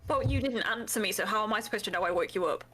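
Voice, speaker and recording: A young woman who rattles along quickly in a bright, forward voice, teasing and giggling as a podcast co-host. Faint noise hums behind her. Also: medium pitch. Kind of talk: casual chat.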